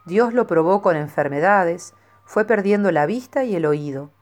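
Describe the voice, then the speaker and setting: Female narrator for a scripted devotional reading, calm and measured, a little low in pitch. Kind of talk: scripted narration of a saint's life.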